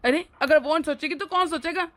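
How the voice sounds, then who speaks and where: Woman playing the husband in a cartoon, highish bright voice, sweet to the wife, cold and bossy with his parents. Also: fast. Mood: coaxing. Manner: firm, dismissive, coaxing. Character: young husband, doting to wife, harsh to parents. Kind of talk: animated family drama dub.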